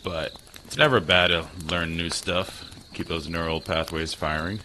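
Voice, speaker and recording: A gaming streamer with a low voice chats casually and self-deprecatingly with viewers from a small spare room at home. His tone is steady, bright and forceful at a measured pace. He uses a desk mic that sounds slightly tinny, with faint noise.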